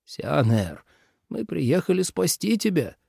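Man doing a fretful old dad in a storybook, high, pleading, swooping all over. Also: sing-song, normal speed, creaky, darkish tone, husky, no echo, studio quality, exaggerated voice. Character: anxious elderly father, pleading and worried.

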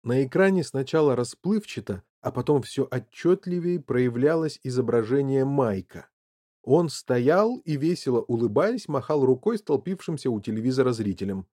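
An audiobook narrator reading a children's story in an expressive, measured way. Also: mid-range voice. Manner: animated, measured.

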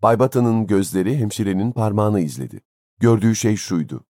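A man reading a story aloud as an audiobook narrator, in a measured, expressive way. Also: lowish voice, dry recording, clean studio sound. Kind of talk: scripted narration.

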